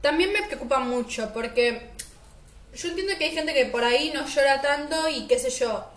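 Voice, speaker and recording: A woman's voice: high-pitched, normal speed, reverberant. A teenage girl with a Rioplatense Spanish accent, talking in a chatty, emphatic spoken-diary monologue. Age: teens. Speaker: vlogger.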